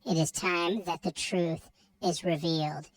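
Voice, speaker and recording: A woman's voice: on the low side, steady tone, measured pace, no room sound, rough recording. A woman playing a secretive whistleblower whose voice is disguised to sound like a helium-filled alien, speaking in a solemn, formal, conspiratorial manner. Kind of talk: comedy sketch.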